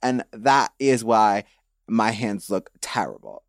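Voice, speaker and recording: A woman co-hosting a podcast in casual chat, telling stories with animated laughter. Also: a bass voice, slow, no echo, studio quality. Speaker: podcast co-host.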